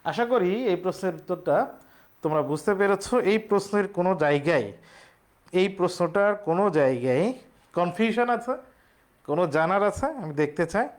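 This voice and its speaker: High-voiced man teaching a live class. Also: animated. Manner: explains step by step, repeats key words, asks questions; reads example sentences slowly with a rising tone. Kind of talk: live online exam-prep class.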